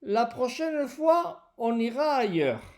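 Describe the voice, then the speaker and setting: A woman's voice: fairly high pitch, very animated, slow, a little mellow. A woman reading out the lines of a female diner in a lesson dialogue. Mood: calm. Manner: reads lines plainly.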